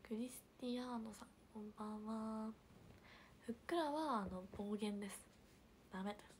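A young woman livestreaming, chatting casually and reading viewer comments, with a hint of Hiroshima dialect and soft murmured asides. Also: on the high side, normal speed, a little hiss or hum. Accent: picking up Hiroshima dialect. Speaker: idol livestreamer.

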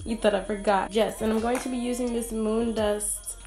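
Chatty young woman with a higher voice. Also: steady tone, normal speed, warm tone, soft background music. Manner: rambling, self-mocking, giggly asides. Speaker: beauty vlogger. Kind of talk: casual makeup tutorial chat.

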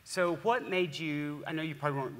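A man's voice: fairly high pitch, fairly even intonation, brisk, a little hiss or hum. A man in his forties hosting an onstage interview, chatty and enthusiastic, with frequent restarts. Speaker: host. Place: large conference stage. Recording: hall reverb from a stage.

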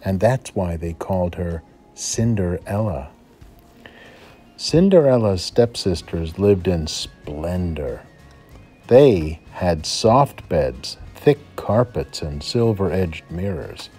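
A male first-grade teacher reading a fairy tale aloud to children, in a dramatic, expressive storytelling manner. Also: low-pitched, slow, slightly rough, soft background music.

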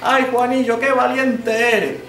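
A man puts on a distraught mother crying for her stolen child, her voice pushed up into a high, drawn-out wail. She sounds small and distant, bouncing around an echoey room with music behind. The telling is slow and lamenting. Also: steady tone, very noisy, full character voice. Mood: tearful praise. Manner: high wailing falsetto, drawn out.

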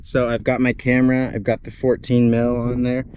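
Hiking through the desert, a young man talks into his action camera for his outdoor photography vlog, upbeat and chatty as he explains his gear. His voice is medium in pitch but monotone, darkish, and at normal speed, with a slight hiss or hum. He gets winded now and then.

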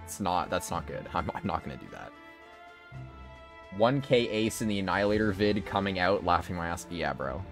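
A male streamer with a fairly low, strained, tired-sounding voice, chatting with viewers between tank battles. He laughs often and drops casual slang, his pitch moving freely, with light music underneath. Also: animated, moderate pace. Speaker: game streamer. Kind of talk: casual live-stream chat.

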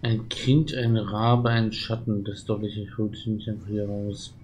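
Low, flat-toned man commenting gameplay. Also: unhurried, a little hiss or hum, low-quality recording. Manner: reads game text aloud, thinks out loud. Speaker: let's player, channel host.

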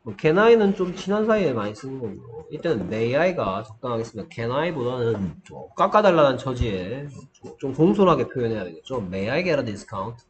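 A man teaching English in Korean, explaining a dialogue and reading example phrases in careful, slow English with a Korean accent. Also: medium pitch, sing-song, slight background noise. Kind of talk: online English lesson.

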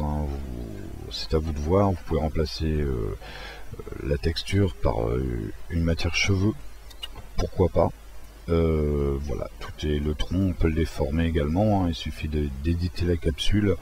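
A man walking through a software tutorial in a casual, hesitant way, with many fillers and restarts. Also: rumbling low, moderate pace. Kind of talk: casual screen-recorded tutorial.

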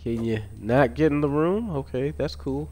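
A man streaming a video game live, reacting out loud with swearing and excited outbursts while he talks to himself and his chat. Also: medium pitch, moderate pace. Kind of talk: live gameplay commentary.

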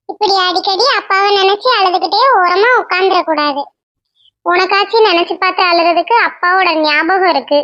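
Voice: very high voice, a bit bright, dry recording. Someone voicing a motherly older cartoon neighbor. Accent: Tamil. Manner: soothing, advising. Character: kind older village woman, motherly neighbor. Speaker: cartoon character. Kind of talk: Tamil cartoon voice acting. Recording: dull lo-fi dry voice track.

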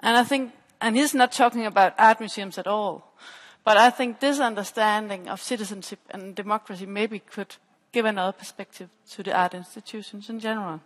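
A PhD researcher presents at an academic conference, speaking on a headset mic from a stage in a large, dark auditorium. She explains and restates her phrases in a medium-pitched voice, a little fast with few pauses. The hall is echoey, with long reverb.

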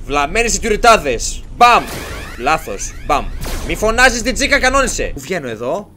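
A man hosting a let's play, giving excitable, jokey commentary as he plays and shouting at game characters. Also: high-pitched, slight background noise. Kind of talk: live gameplay commentary.

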